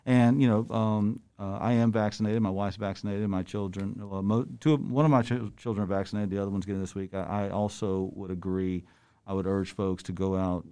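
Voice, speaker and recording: A middle-aged man hosting a podcast interview through a face mask, slightly muffled, speaking earnestly and haltingly with repeated words. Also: on the low side, warm tone, smooth. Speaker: podcast host.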